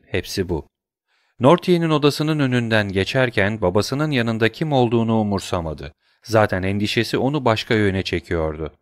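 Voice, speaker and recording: Male audiobook narrator, lowish voice, dry close sound, steady measured delivery. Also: no echo. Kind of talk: dramatic novel reading.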